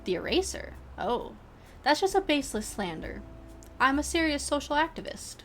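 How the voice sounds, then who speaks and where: A smug, scheming man of politics, put on by a woman streamer, pitched below her own voice and kept quiet and smooth. He sounds sure of himself, with faint game music behind. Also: big pitch swings, normal speed. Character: smug scheming male campaign manager.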